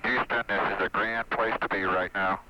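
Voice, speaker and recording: A man's voice: low voice, steady tone, moderate pace, highs cut off. A man calling mission control from a spacecraft, cheerful and folksy, heard over a crackly space-to-ground radio link with beeps. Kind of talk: air-to-ground radio exchange.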